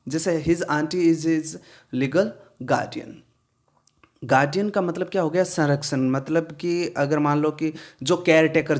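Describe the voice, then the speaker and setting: A man teaching pronunciation in Hindi, explaining slowly, repeating words and often asking if it is clear. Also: fairly high pitch. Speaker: English teacher. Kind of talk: pronunciation lesson.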